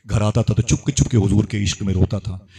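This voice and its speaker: A man's voice: fairly low pitch, fairly even intonation, a little fast, creaky, dark tone. Impassioned man preaching a story sermon. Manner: impassioned storytelling, urging the crowd to respond; chants verses rhythmically.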